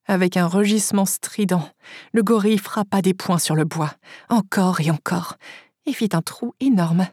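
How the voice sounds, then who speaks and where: Brief: woman narrator, husky voice, dry close sound, steady first-person audiobook reading. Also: on the low side, moderate pace, dry recording.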